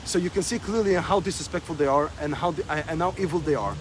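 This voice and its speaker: A man's voice: a little high, fast talker. A man being interviewed outdoors on a rainy street, speaking emphatically and repeating himself as he presses his points. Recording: street noise and passing cars.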